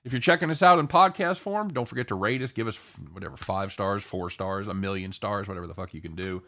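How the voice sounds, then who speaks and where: A man's voice: lowish voice, quick pace, a bit bright. A man hosting a live sports betting show in casual, jokey banter, irreverent and given to casual swearing.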